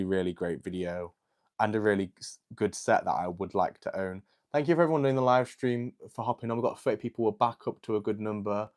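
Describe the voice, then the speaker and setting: This is an eighteen-year-old man running a laid-back livestream, where he rambles and answers comments from viewers with frequent "like" and "um" fillers. His voice is lowish with a somewhat dark tone.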